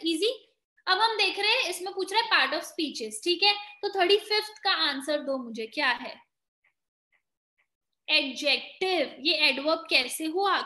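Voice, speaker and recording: In an echoey room, a woman with an Indian accent and an extremely high, sharp-toned voice teaches grammar in an online exam-prep lesson. She mixes Hindi and English as she explains step by step and quizzes her students.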